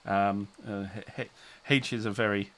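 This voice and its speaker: Rambling man, low voice. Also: steady tone, a little slow, fairly bright tone. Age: middle-aged. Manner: rambling, self-interrupting, chuckling. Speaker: channel host. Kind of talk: casual livestream chat.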